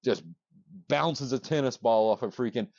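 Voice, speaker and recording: A man co-hosting a casual podcast, rambling excitedly with many restarts and casual swearing. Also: medium pitch, moderate pace, dry recording, dull audio. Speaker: podcast co-host. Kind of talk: casual chat.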